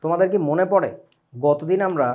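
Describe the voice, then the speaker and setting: A young man with a Bangladeshi Bengali accent leads an online chemistry lesson at a rapid clip. His voice sits a little high, and he keeps tossing questions to his students and slipping English words into his explanations. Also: phone-quality sound. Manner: lively, asks students questions often, mixes English words. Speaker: chemistry teacher. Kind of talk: online class lecture.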